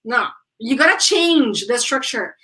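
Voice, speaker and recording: Her voice is fairly high and sharp, with lively intonation and a measured pace, though the audio is poor. This Brazilian teacher runs a live online English lesson, blending in Portuguese, explaining step by step, checking in with students, and quickening whenever she explains in Portuguese.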